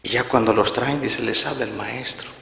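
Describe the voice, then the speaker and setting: Gravelly preacher in an echoey hall. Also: male voice, medium pitch, moderate pace, sharp tone. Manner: repeats "brothers" and "right?" often, acts out Bible scenes. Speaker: minister. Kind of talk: sermon.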